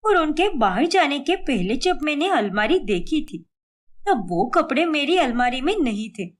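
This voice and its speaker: An indignant young sister-in-law from an animated story talks in a sharp, accusing manner, as a woman voices her. Her voice is fairly high and swings up and down a lot. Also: measured pace. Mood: upset.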